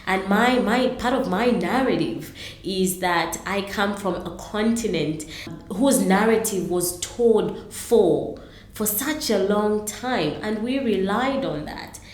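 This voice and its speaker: A woman's voice: mid-range voice, takes it slowly, roomy sound. A middle-aged woman from Zambia, answering interview questions earnestly, with many ums and restarts. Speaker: interview guest, entrepreneur.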